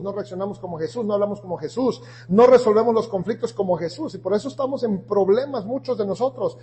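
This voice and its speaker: High-voiced preacher in an echoing hall. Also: male voice, a little hiss or hum. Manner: preaching with sudden loud swells and slow emphatic lines. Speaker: pastor. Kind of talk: sermon. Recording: long echo of a large hall.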